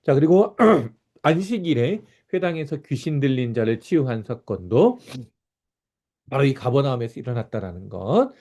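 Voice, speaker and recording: A man's voice: medium pitch, big pitch swings, moderate pace, mellow. A middle-aged man, a pastor, teaching a church Bible class over slides in an explanatory way, often restarting words and using fillers.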